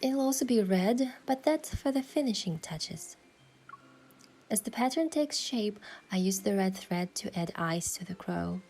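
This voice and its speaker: With a medium-pitched, darkish voice, a woman speaks expressively and unhurriedly as the first-person narrator of a romance game. Her character is a reflective, affectionate young heroine, earnest in tone, and music plays underneath.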